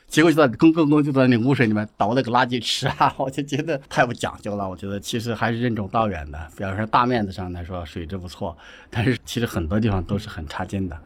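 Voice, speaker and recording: A man from Shaanxi, a guest writer on a podcast, talking in a lively, chatty way and often laughing. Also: lowish voice, no echo. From Ankang, Shaanxi, China. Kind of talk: conversational podcast interview.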